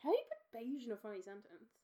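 A woman's voice: on the high side, wildly swooping pitch, fast, dark tone, poor audio. A woman, co-hosting a podcast in casual, giggly, teasing chat. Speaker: podcast co-host.

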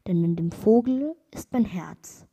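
A woman voicing a calm, sly old man in a read-aloud fairy tale, speaking slowly and with gentle amusement. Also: mid-range voice, breathy edge.

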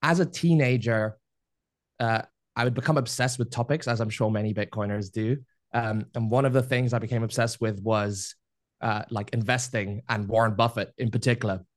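A man in his thirties, a podcast guest, telling his life story in a relaxed, rambling way with many fillers. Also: fairly low pitch, moderate pace, no echo, clean studio sound. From Spain. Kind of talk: casual interview storytelling.

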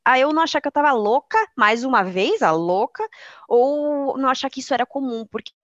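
A woman's voice: high-pitched, animated, fairly quick, no room sound, lo-fi sound. A woman chatting candidly, rambling with many restarts and quoted speech. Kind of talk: casual personal chat.

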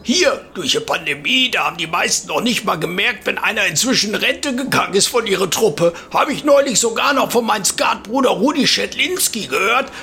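Casting: male performer as chatty old Ruhr grandpa, rambling stories, bright gravelly delivery, folksy podcast comedy. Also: sits high, slight background noise, pitched above the performer's own voice, heavily acted. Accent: Ruhr area German. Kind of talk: comic storytelling in a podcast.

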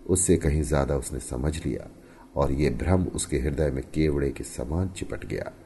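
A male storyteller reads in a deep, mellow, husky voice. His delivery is expressive, with a wide, lively pitch swing, emphatic rises and hushed, quiet falls. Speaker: narrator. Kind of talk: dramatic audiobook storytelling.

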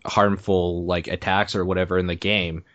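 Deep-voiced man, muffled podcast host. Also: normal speed, no echo. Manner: relaxed, rambling, hedging. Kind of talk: casual podcast chat.

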